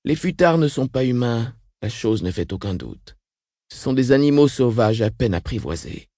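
A man reading the part of a frail, weakened old woman who speaks flatly and stays unshaken. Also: mid-range voice, normal speed, no echo, studio quality. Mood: grim. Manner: flat, unshaken. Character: frail elderly sister, weakened and coughing.

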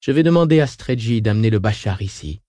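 An icy, commanding female leader, read by a man in an audiobook, clipped and controlled. The dark, warm voice sits dry and close. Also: fairly low pitch, lively intonation, quick pace, no room sound, natural voice. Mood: cold.

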